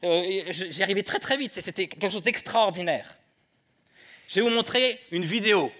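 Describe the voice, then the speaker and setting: A man preaching a sermon in church, moving between soft prayer and light humor. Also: sits high, expressive, normal speed. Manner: prays softly then preaches with humor. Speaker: pastor.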